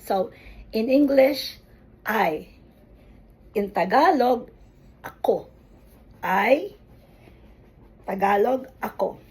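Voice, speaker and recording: Woman, language teacher, slow deliberate delivery, slightly husky tone. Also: fairly high pitch, expressive, darkish tone, poor audio. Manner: slow, deliberate, repeats words for pronunciation. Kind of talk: slow spoken language lesson.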